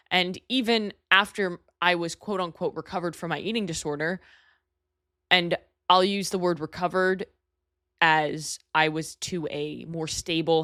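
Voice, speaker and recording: A woman in her thirties from New York talks through her own podcast in a low, candid voice, chatty and a little self-deprecating. The sound is dry and close, with no room behind it. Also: fairly bright tone, no room sound. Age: 30s. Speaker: podcast host. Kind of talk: solo podcast talk.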